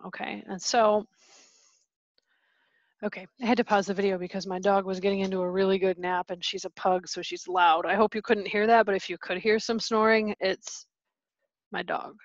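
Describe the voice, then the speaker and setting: A woman's voice: medium pitch, fairly bright tone, no echo, lo-fi sound. A woman teaching a chemistry lesson over a screen recording from home, explaining in a casual, chatty way. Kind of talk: screen-recorded lecture walkthrough. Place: home, with pet dogs.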